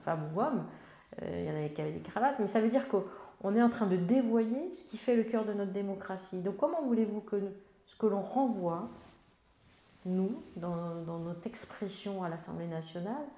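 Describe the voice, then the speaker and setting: Gravelly, dark-voiced woman in an echoey room. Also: mid-range voice, moderate pace. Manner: hesitant, many fillers and restarts. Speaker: elected member of parliament, guest. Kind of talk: interview answers.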